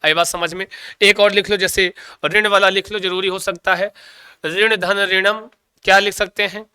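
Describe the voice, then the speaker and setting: A man's voice: high-pitched, little pitch movement, a little fast, bright, forceful tone, smooth, no room sound. A man teaching Sanskrit grammar in an exam coaching lecture, asking questions and answering them himself, with much repetition. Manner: asks and answers his own questions, repeating answers; calls students "bhaiya" and "ji".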